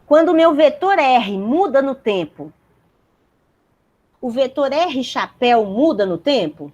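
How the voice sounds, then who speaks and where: A woman's voice: high voice, big pitch swings, unhurried, darkish tone, dull audio. A woman giving a university physics lecture, explaining step by step and checking in with her students.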